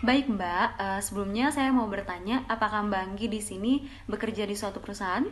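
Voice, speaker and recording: A woman's voice: mid-range voice, fairly quick, slight background noise, natural voice. A woman playing a patient bank officer in a role-play, with a formal, apologetic customer service voice. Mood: courteous, explaining.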